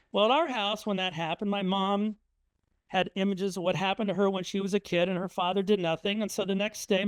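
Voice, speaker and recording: An author from Indiana, middle-aged, talks conversationally at a museum, using slides to tell family anecdotes peppered with ums and uhs. His voice is high-pitched and clean with no room sound, but the audio quality is poor.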